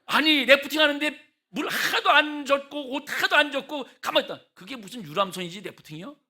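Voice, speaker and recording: A man's voice: very high-pitched, a little fast, pushed and bright. A male pastor preaching a revival sermon in a church, emphatic and full of rhetorical questions to the congregation.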